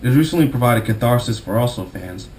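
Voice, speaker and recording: A man's voice: mid-range voice, expressive, fast, a little mellow, slight background noise, poor audio. A young man from Costa Rica giving an earnest, formal scripted narration as a student documentary narrator. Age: young adult.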